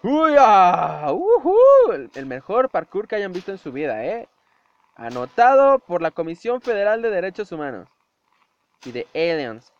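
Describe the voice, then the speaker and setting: A young man with a Mexican accent giving excitable gameplay commentary, shouting, swearing and making sound effects. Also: high voice, a little slow, no room sound. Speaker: gameplay youtuber. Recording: dull lo-fi home recording with faint hiss.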